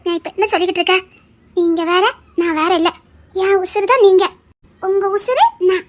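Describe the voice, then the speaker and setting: A woman's voice: extremely high pitch, fairly even intonation, a little fast. A woman with a Tirunelveli accent playing a young lover who fusses over him and scolds him tenderly. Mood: fussing, doting. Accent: Tirunelveli Tamil. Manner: scolding, fussing, affectionate. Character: young woman Anandhi, doting and fussy lover. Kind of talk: web series drama.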